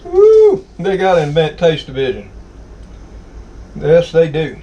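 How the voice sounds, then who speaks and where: A folksy man with a Southern drawl chats through his home cooking video, his voice sitting a touch high and leaping all over as he whoops about the food. He talks straight to his viewers, and a faint hiss runs under the recording. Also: expressive, a little slow, a little mellow, muffled recording. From Southern United States. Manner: folksy, exclamatory, savoring food aloud. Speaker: cooking vlog host. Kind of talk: casual cooking vlog. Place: home kitchen.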